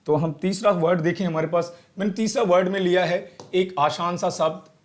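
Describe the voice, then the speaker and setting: A man teaching English vocabulary for exam preparation, mixing Hindi and English, slowing down on English phrases, with an Indian English accent and many fillers. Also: high-pitched, steady tone. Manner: Hindi-English code-switching, slow deliberate English phrases, frequent fillers. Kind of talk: spontaneous classroom-style lesson.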